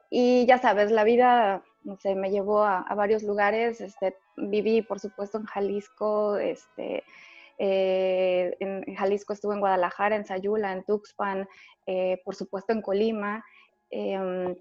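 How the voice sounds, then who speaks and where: A woman's voice: medium pitch, gravelly, a little mellow, dry recording. A woman with a Mexican accent chats casually as an interview guest, laughing often and trailing through fillers. Her voice comes through dull, lo-fi remote audio. Faint music sits underneath. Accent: Mexican Spanish. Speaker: guest soprano. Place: abroad, remote call.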